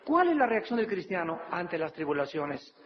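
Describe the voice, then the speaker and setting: Man, pastor, sermon, high voice, dull lo-fi sound. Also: moderate pace, slight background noise. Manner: animated preaching, acting out pleading voices. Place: church or studio hall. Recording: dull reverberant hall recording.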